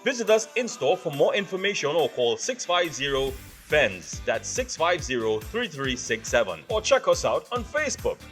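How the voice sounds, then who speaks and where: A man's voice: a little high, big pitch swings, moderate pace, fairly bright tone. A man announcing a store commercial in an upbeat, punchy sales voice. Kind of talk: radio-style commercial. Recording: ad read over music.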